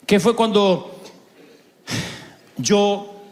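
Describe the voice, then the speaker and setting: A middle-aged man with an Argentine Spanish accent preaching a sermon, telling stories in an animated, comic way and acting out the people he quotes. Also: sits high, drawn-out words. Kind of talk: sermon with storytelling.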